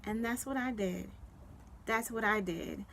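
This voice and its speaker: A woman, telling an emotional personal story to camera, earnest and repetitive, her voice dropping to a hush at times. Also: medium pitch, a little slow, gravelly, slight background noise. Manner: repetitive, earnest, at times hushed and tearful in retelling. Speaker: vlogger and realtor.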